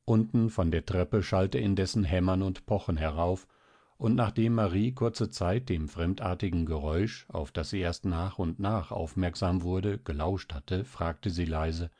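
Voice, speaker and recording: A man reading a classic story aloud as narrator, measured and even. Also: low voice, no room sound. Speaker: audiobook narrator. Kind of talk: scripted narration.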